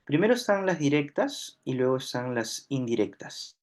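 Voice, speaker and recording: A man with a Peruvian accent teaching a grammar lesson, patiently repeating examples and often pausing with fillers. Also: mid-range voice, very animated. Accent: Peruvian Spanish. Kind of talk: grammar lesson explaining on screen.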